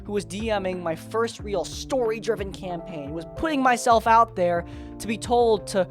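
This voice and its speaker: A man hosting a tabletop gaming tips video, talking in a candid, expressive and self-deprecating way. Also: high voice, moderate pace, over music. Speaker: YouTube RPG tips host. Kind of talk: casual talking-head commentary.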